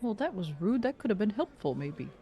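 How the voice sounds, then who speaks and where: A man's voice: high-pitched, sing-song, a little fast, mellow. A man improvising in-character dialogue as a parent in a tabletop role-playing game.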